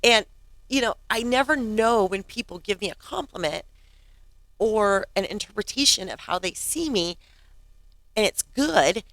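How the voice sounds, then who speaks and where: A woman's voice: mid-range voice, expressive, measured pace, fairly bright tone, no room sound. A woman in her fifties hosting her podcast, telling a story in a casual chatty way, often laughing and acting out what others said. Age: 50s. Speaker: podcast host.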